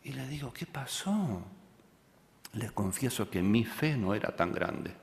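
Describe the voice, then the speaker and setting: A pastor, preaching a sermon and telling a story that he acts out, moving from loud passages to hushed ones. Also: medium pitch, lively intonation, measured pace, gravelly, in a large hall.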